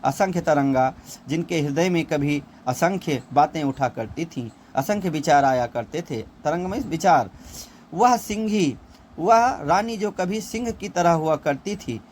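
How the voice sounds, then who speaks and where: A man teaching a Hindi poem, reciting verses in a sing-song voice and explaining them line by line, clearing his throat now and then. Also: on the high side, lively intonation, measured pace, slight background noise. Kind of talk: explaining a poem in a class lesson.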